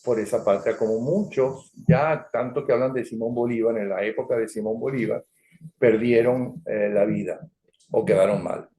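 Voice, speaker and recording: A man's voice: medium pitch, moderate pace, warm tone, slight background noise. An older man with a Venezuelan accent runs a conversational interview, firing leading questions and wandering into asides. His voice sits mid-range, and the recording carries a noticeable roomy echo. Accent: Venezuelan Spanish. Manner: digressive, leading questions, frequent "¿ok?" and "¿no?" tags. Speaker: interview host.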